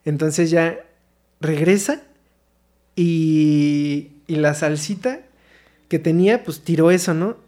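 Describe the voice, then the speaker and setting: A young Mexican man with a high-pitched voice tells a story among friends. He talks in loose, slangy, profane bursts and slips into acting out the quotes. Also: slow pace, pauses often, darkish tone. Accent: Mexican Spanish. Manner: slangy, swears a lot, acts out quotes. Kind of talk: casual chat.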